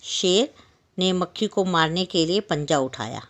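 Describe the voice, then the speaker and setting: Low-voiced woman teacher retelling a story. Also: lively intonation, a little slow. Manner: explains and retells each line, asks the class questions. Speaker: school teacher. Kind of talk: storytelling lesson for young children.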